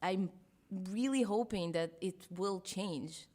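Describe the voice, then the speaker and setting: A woman's voice: medium pitch, takes it slowly, darkish tone. A young woman from Russia and Israel, a podcast host talking in a casual conversation, hesitant with many fillers and restarts. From born in Russia, raised in Israel.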